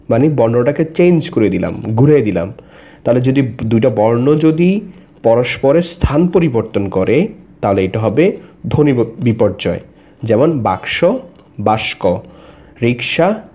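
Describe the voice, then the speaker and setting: A man's voice: mid-range voice, warm tone, dull audio. A man teaching an exam-prep grammar lesson, explaining step by step, repeating each example and answering his own questions.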